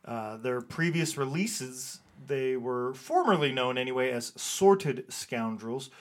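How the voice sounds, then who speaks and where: A man's voice: mid-range voice, takes it slowly. A man hosting a music radio show, talking casually with filler words as he introduces a band. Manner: relaxed, rambling, with filler words.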